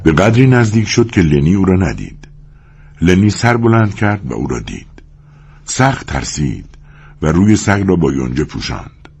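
A man reading a novel aloud in a measured storytelling manner. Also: sits low, sing-song, creaky, darkish tone, husky. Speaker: audiobook narrator. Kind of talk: scripted narration.

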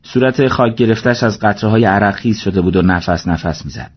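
A man narrating an audiobook story in a steady, measured reading voice, in a dull lo-fi recording. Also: lowish voice, husky.

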